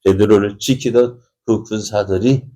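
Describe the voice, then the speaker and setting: A man's voice: fairly low pitch, steady tone, moderate pace, mellow. A man preaching at an early-morning prayer service, telling a Bible story with many rhetorical questions and acted-out dialogue. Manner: acts out the characters' dialogue in changing voices. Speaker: pastor.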